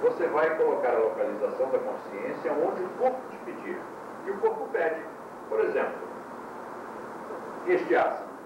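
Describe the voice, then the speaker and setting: A man teaching a yoga class in a lecture style, explaining with quick demonstrations and light humor, heard from an old VHS tape recording. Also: on the high side, wildly swooping pitch, recorded from a distance, lo-fi sound. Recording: old VHS tape, echoey room from afar, hiss.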